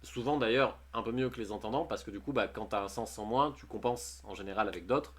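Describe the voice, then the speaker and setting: A man's voice: lowish voice, a little fast, breathy edge. Man, casual livestream chat, jokey, reads posts aloud and comments, laughs often. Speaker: streamer.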